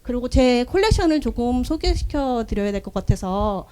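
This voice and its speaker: Earnest soft-spoken woman presenting. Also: a little high, lively intonation, moderate pace, smooth. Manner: earnest, soft-spoken, personal storytelling with frequent fillers. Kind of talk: business showcase presentation. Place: event hall.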